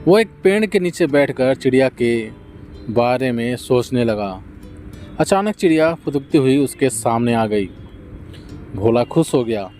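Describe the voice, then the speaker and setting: A man narrating a children's folk tale in a gentle, steady scripted storytelling manner. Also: mid-range voice, unhurried, faint music behind.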